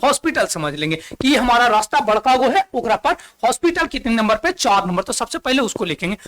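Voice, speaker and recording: A man with a Bihari Hindi accent teaches school chemistry in a classroom-style video lesson. He keeps repeating key terms and firing questions back at his pupils before answering them himself. He counts aloud slowly as he works through the board. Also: very high-pitched, sing-song, fairly bright tone.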